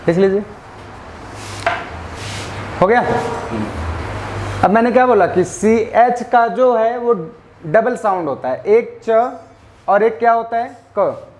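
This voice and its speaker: A man teaches English grammar in a high-pitched voice. He spells endings out letter by letter and slows down on them. He keeps asking the class questions and answering them himself. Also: animated, darkish tone, a little hiss or hum. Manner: spells out letters slowly, stresses pronunciation. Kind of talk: classroom lecture.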